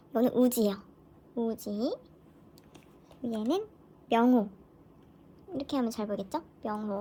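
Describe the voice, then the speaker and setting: A woman chatting casually through an unboxing vlog, gushing with excitement as a fan. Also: a little high, slight background noise. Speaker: vlogger.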